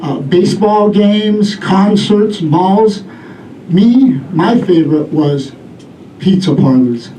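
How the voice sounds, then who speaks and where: A man's voice: sits high, slow pace, warm tone, a little hiss or hum. A middle-aged man performing a stand-up routine, telling stories in a rambling way and acting out bits. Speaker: stand-up comedian. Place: live comedy venue with audience. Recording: echoey club room, distant mic, audience laughter.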